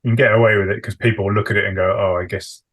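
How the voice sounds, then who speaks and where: British man, husky voice, low pitch, casual podcast chat, wry. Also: flat delivery, racing, fairly bright tone. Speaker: podcast co-host.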